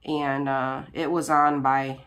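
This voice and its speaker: A woman's voice: rumbling low, level tone, slow, a bit bright. A woman hosting a crafting video, chatting casually while she works, her voice nasal and congested from a cold, rambling with plenty of ums and restarts. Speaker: crafting channel host. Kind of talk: casual chat while diamond painting.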